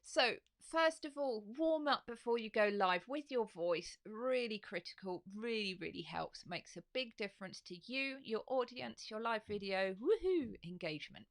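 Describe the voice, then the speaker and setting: A middle-aged woman, a voice coach, teaching in a lively, demonstrative way with frequent laughs, on a studio microphone at home. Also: mid-range voice, normal speed, few pauses. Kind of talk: instructional live video. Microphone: studio microphone on a stand.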